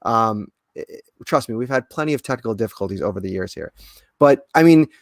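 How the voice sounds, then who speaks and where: A man's voice: lowish voice, expressive, fast, no echo. Man, sports podcast co-host, casual chat, lots of fillers and restarts, dry sound. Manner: chatty, many fillers and restarts. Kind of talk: casual sports talk show.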